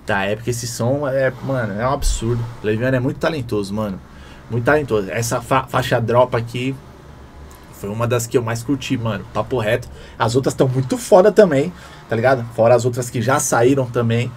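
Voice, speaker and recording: Excited slangy man reacting to music. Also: medium pitch, brisk, a little hiss or hum. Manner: excited, slangy, keeps saying "mano". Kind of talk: casual reaction commentary. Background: hip hop track playing faintly.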